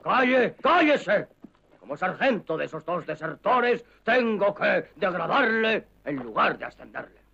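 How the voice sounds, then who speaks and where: An actor playing an irascible army colonel in a dubbed western farce, blustering and commanding in a raspy voice. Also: male voice, sits high, expressive, moderate pace, few pauses, pushed and bright, exaggerated voice. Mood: indignant. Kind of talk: dubbed western comedy film. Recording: dull lo-fi film soundtrack.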